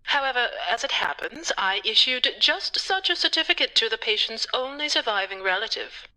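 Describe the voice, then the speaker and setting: An actress playing a snobbish psychiatrist who looks down on servants, in a game. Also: female voice, on the high side, lively intonation, moderate pace, bright, forceful tone, poor audio. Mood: snooty.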